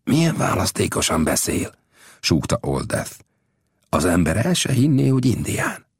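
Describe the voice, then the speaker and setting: A man voicing an old, shrewd frontier scout in a storybook reading, speaking in a high, hushed, inquisitive way. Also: wildly swooping pitch, slightly rough, no echo, studio quality, heavily acted. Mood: hushed curious.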